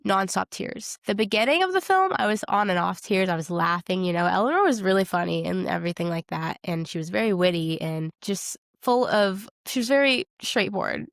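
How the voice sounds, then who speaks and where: This podcast co-host is a woman whose medium-pitched voice has a gravelly edge, captured dry and at studio quality. Her film talk is a loose, emphatic chat peppered with plenty of "like."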